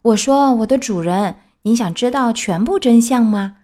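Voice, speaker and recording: A woman voicing a cheeky, chatty wooden puppet boy in a raised, bright voice. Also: on the high side, normal speed, natural voice.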